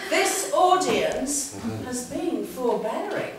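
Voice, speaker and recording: A woman's voice: high-pitched, expressive, takes it slowly. A woman playing a doting, exasperated mother in an amateur pantomime, declaiming theatrically in rhyme. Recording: echoey hall from far off, noisy.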